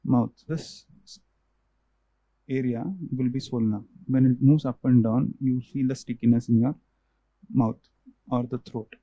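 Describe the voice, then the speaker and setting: A male ENT doctor in a clinic room explains patiently, repeating and restarting phrases as he points things out. His voice is deeply dark and mellow. The recording is dry and a bit dull. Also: no echo.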